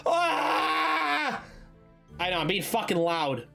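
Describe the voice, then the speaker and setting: A man's voice: on the high side, animated, moderate pace, a bit bright, soft background music. A man streaming, chatting casually and profanely with his viewers while he reads a story.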